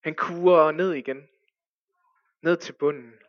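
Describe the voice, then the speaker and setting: A man telling a story as a sermon, with hushed dramatic pauses that rise to urgent cries. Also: a little high, steady tone, no room sound, lo-fi sound.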